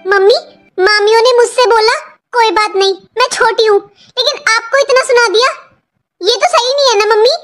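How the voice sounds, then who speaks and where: A woman's voice: very high-pitched, normal speed, fairly bright tone. A woman voicing an outspoken young girl who pleads with her aunt and mother in a family drama. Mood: pleading. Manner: pleading, childlike.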